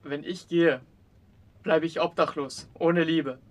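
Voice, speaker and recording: A man's voice: a little high, steady tone, slow. A man playing a persistent blind suitor, pleading and insistent, in acted short-film dialogue. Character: persistent blind male suitor, stubborn and earnest.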